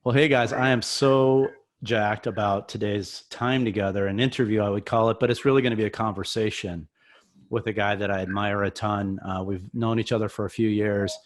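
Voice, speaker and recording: Man, low voice, upbeat, encouraging interviewer. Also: fairly even intonation, fairly quick. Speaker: mentor and interviewer. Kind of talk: enthusiastic interview.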